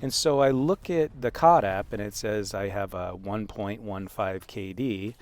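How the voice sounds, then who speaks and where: A man casually telling a story as gaming commentary, reading out messages in an amused, halting way. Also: lowish voice, dry recording. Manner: amused, chuckling, halting with frequent asides. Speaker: gaming video creator.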